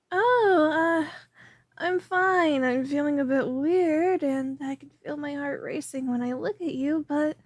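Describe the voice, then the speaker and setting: This is a dry, studio-quality recording of a high-pitched woman. She voices a young alchemist in a scripted ASMR roleplay, first chatty and rambling at her work, later clingy and obsessive.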